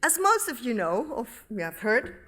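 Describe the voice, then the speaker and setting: A middle-aged woman from Switzerland, giving a formal academic lecture at a podium microphone in a large hall, reading in a measured, deliberate way. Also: fairly high pitch, sing-song, pushed and bright. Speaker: professor giving inaugural lecture.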